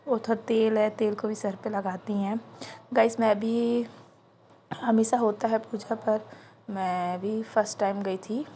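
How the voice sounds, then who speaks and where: Her voice sits in the mid range with fairly even intonation, a slightly slow pace, and a dark tone, plus a little hiss or hum. She's a young vlogger at an indoor gathering, speaking into her phone and casually, chattily narrating how a home puja ceremony is done.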